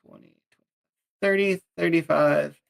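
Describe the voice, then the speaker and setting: A tabletop game player chatting playfully and offering quick suggestions. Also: medium pitch, fairly even intonation, creaky. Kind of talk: casual tabletop play.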